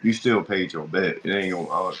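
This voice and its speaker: A man with a very low voice teasing his co-host in blunt, slang-heavy casual chat. Faint background noise runs under his recording. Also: fairly quick, a bit bright, rough recording.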